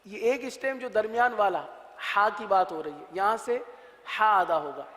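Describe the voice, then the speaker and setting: A man's voice: high-pitched, fairly bright tone. A man, teaching Quran pronunciation and leading call-and-repeat drills in a patient, step-by-step way. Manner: patient, explains step by step and drills letter sounds. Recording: long hall reverb.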